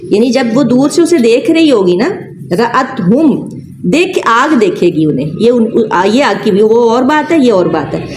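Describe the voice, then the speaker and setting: A woman gives a classroom tafseer lesson in a slightly high voice. She keeps asking her listeners questions and draws out key words slowly as she explains them. Faint noise sits under the recording. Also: big pitch swings, a little mellow. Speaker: Quran teacher.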